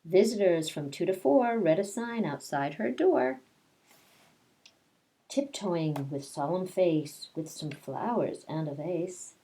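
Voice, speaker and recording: A woman's voice: fairly low pitch, animated, slow, warm tone, a little hiss or hum. A woman teacher doing story time for kindergarteners, reading aloud and explaining things simply to young children. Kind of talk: picture-book read-aloud with casual asides to children.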